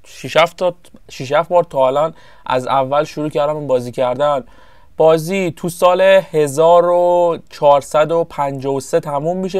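A man giving casual, rambling commentary over his own strategy game session, often pausing to search for the right word. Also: fairly high pitch, dry recording. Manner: chatty, rambling, searches for words. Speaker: gameplay commentator.

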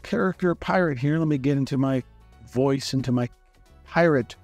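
A man calmly explaining software step by step in a screen-recorded tutorial, in a relaxed, friendly way. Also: mid-range voice, moderate pace, no room sound, faint music behind.

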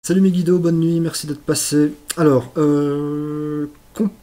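In a fairly high voice and a little fast, a man narrates his retro game stream live. He gets excited, exclaims at his own mistakes, talks to himself, and cracks jokes at his own expense.

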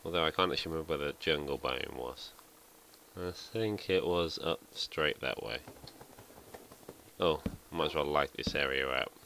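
A man's voice: extremely low pitch, moderate pace, vocal fry, pushed and bright, a little hiss or hum. A man giving casual, rambling gameplay commentary as a let's play host, thinking aloud and poking fun at himself.

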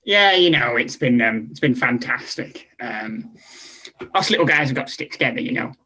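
A man voicing a cheeky manager of a team of little greenskins, dropping deadpan innuendo. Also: mid-range voice, moderate pace. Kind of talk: comedic voice acting.

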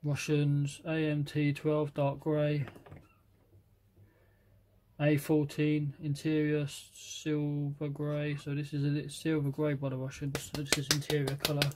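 A British man casually reviewing a box of model paints, reading out colour names haltingly and admitting he can't pronounce some. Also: on the high side, completely flat delivery, a little mellow.

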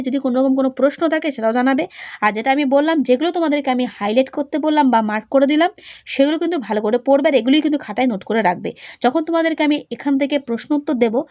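A woman teacher talks fast in a high voice. She explains a point and then quizzes the listener on it. The sound is dry and close, with no room echo. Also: a little mellow. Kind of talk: classroom lecture.

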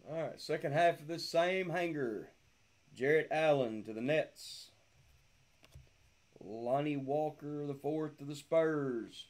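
A man's voice: fairly high pitch, slow pace, darkish tone. A man hosting a card break, reading out player names with joking asides. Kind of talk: live card-opening commentary.

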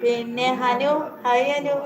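A woman's voice: on the high side, little pitch movement, slow, over loud music. A woman hosting a casual live stream from home, chatting with viewers by name and asking how they are while she minds her children. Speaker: live-stream host and mother. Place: noisy home room, with children and a TV nearby. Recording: roomy, noisy home phone recording.

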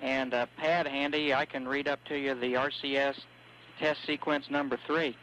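A man's voice: mid-range voice, moderate pace. A man calling a spacecraft crew from ground control, reading out technical data steadily over a radio link. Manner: steady, methodical reading of numbers. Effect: radio transmission sound. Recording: dull lo-fi radio audio with faint hum.

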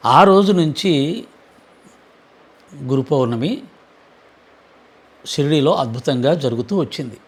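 A man giving an earnest devotional talk in a measured, preaching cadence with frequent pauses. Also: on the high side, lively intonation, slightly rough. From Andhra Pradesh. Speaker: Sai devotee speaker.

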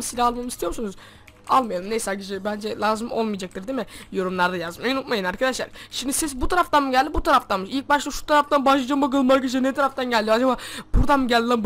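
A young man giving excitable game commentary as a youtuber, often yelling and talking to his viewers. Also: extremely high pitch. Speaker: gaming youtuber.

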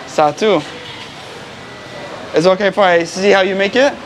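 Traffic and street noise fill this rough recording of an American man vlogging on a busy city street. The travel vlogger speaks at a moderate pace in a high voice, casually walking his viewers through local food and vocabulary.

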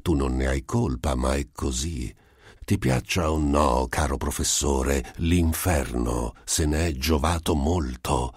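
A man's voice: extremely low pitch, takes it slowly, breathy edge, no echo, clean studio sound, heavily acted. A man reading an audiobook, voicing a mocking devil disguised as a man who taunts an old scientist. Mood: taunting. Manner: taunting, sardonic.

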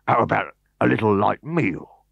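A man reading a storybook, voicing a greedy, scheming middle-aged Roman boss in a raised, oily, drawn-out voice. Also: fairly low pitch, expressive, creaky, no room sound, exaggerated voice. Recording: dull, dry recording.

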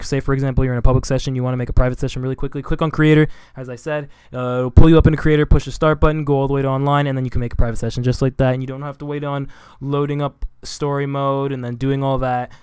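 A young man talking casually through a video game tutorial, rambling with lots of fillers and quick self-corrections, recorded on a desk microphone at home. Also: medium pitch, darkish tone, smooth, no echo, studio quality. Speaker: gaming video creator. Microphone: desk USB microphone.

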